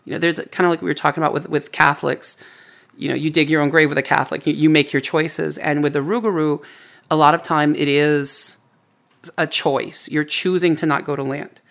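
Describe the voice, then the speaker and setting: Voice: medium pitch, steady tone, brisk, gravelly, a bit bright. A storyteller being interviewed, explaining folklore in a casual, reflective, conversational way. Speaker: storyteller and author interviewed as a guest.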